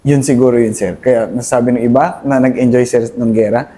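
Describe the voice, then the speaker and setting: Earnest, deferential man with a dark voice. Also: mid-range voice, a little fast. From Philippines, Cavite. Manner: deferential, adds "sir" to nearly every phrase; earnest, mixes English into his talk. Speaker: army officer guest. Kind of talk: candid interview talk.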